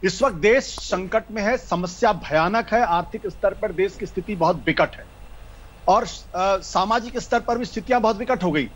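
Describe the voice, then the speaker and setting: A man's voice: high-pitched, normal speed. A male panelist in a political debate, arguing through pointed rhetorical questions.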